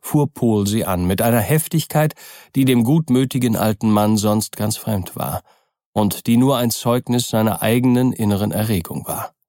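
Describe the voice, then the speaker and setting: A man reading a classic story aloud as audiobook narrator in an even, unhurried manner. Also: lowish voice, no room sound, studio quality. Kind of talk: scripted narration.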